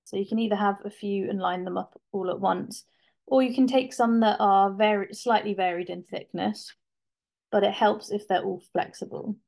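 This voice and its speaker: A woman's voice: mid-range voice, fairly even intonation, normal speed, creaky, darkish tone. Chatty woman demonstrating a craft. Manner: chatty, informal, with fillers and restarts. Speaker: craft presenter. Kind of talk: live webinar demonstration.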